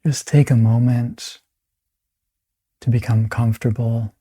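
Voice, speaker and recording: The speaker is a man leading a meditation session; his voice is mid-range, soft and breathy, and his calm, soothing phrasing includes pauses between lines.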